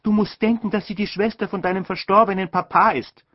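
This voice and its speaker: A man's voice: sits high, steady tone, brisk, no echo, muffled recording, pitched above the performer's own voice. A man doing a fretful, pious mother. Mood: worried, soothing. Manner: soothing, fretful. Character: worried, pious middle-aged mother.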